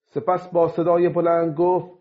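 A man narrating a radio drama in an expressive storytelling manner. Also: a little high, phone-quality sound.

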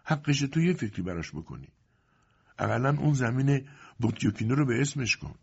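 A man voicing a practical middle-aged merchant wife who talks in a brisk, scolding way, in an audiobook. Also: mid-range voice, animated, vocal fry, darkish tone, breathy edge, highs cut off, pitched above the performer's own voice.

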